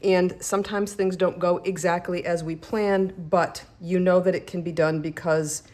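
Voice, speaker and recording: Woman craft demonstrator, lowish pitch, chatty and self-deprecating, explains as she stamps. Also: steady tone, normal speed, a little mellow. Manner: chatty, self-deprecating, talks while working. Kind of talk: casual craft tutorial.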